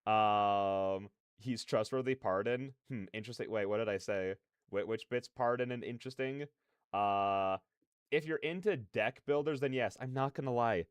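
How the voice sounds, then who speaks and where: A man on the low side of pitch, at a moderate pace and with a smooth voice, hosts a reaction livestream. He chats casually with viewers in animated, slangy, meandering opinions, with no room sound.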